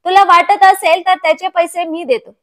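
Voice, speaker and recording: Woman reading as an old father, wounded pride, reproachful, high voice, storybook reading. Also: steady tone, normal speed. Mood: hurt. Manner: pained, reproachful. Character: older father, proud and deeply hurt.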